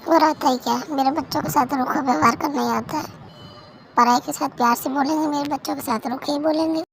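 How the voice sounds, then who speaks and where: A woman reading a fan story voices a gruff middle-aged father, short-tempered and curt, though in a very high voice close to her own. The storybook dad sounds grumpy and dismissive. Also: fairly even intonation, quick pace, slight background noise, low-quality recording. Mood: irritable. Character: rude, moody father, middle-aged man.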